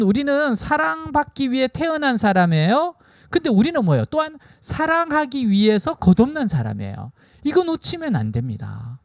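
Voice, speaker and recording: A man preaching a sermon as a pastor from South Korea, emphatic and shifting between raised and hushed delivery. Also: fairly high pitch, no echo, studio quality.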